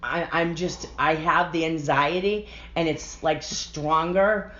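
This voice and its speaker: A woman's voice: sits low, steady tone, slow, fairly bright tone. A middle-aged woman talking candidly about personal matters as an interview guest, on a dull lo-fi recording.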